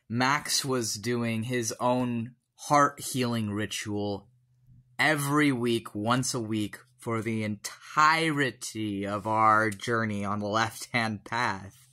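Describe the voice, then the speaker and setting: A tipsy man giving a solemn personal monologue in deliberate, formal phrasing. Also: mid-range voice, pushed and bright. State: tipsy from alcohol.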